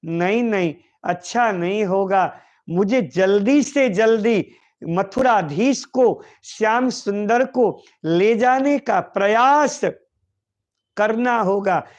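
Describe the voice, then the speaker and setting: A man's voice: high voice, takes it slowly. A man voicing Lalita, a tender devoted companion. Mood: anxious. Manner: soft, pleading, tender. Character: Lalita, devoted female companion, gentle and caring.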